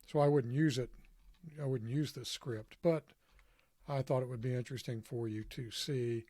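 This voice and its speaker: A man hosting a casual tutorial, walking through software on screen while thinking aloud in a self-deprecating, offhand way. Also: medium pitch, steady tone, moderate pace, dry recording. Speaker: podcast host demonstrating software. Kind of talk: screen-recorded tutorial walkthrough.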